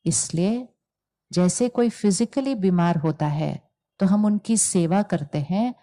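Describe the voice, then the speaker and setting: A woman giving a calm spiritual talk to an audience, explaining ideas and telling stories with quoted dialogue. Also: fairly low pitch, slow. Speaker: spiritual teacher.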